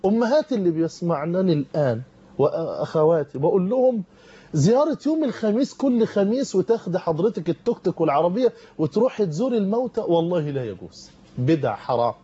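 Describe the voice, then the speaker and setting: A man with an Egyptian accent preaches at a rapid clip in a fairly high, husky voice, pressing urgent warnings on his listeners. His tone is dark and mellow, and the studio broadcast has a dull, lo-fi quality. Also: sing-song. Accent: Egyptian Arabic. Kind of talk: televised sermon. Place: television studio.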